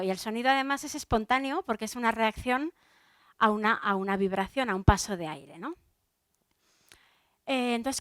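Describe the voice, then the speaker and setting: A Spanish woman, a soprano, gives a lively talk on stage into a microphone, her voice a little high. She talks straight to the audience in a chatty way, stopping and restarting her sentences. The sound is close and dry, with no room echo. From Spain. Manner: chatty, addresses the audience directly, many fillers and restarts. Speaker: soprano giving a public talk.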